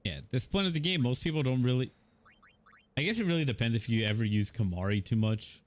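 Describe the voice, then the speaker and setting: A man's voice: mid-range voice, fast talker. A man in his twenties from Mexico, chatting casually and a bit hesitantly while streaming a game. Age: 20s. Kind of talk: casual gameplay chat.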